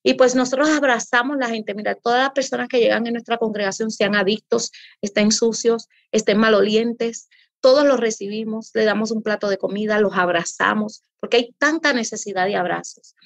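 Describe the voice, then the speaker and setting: A woman's voice: on the high side, steady tone, brisk, gravelly, no echo. A woman pastor speaking earnestly as an interview guest, in a preacherly way that repeats for emphasis. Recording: dull lo-fi audio.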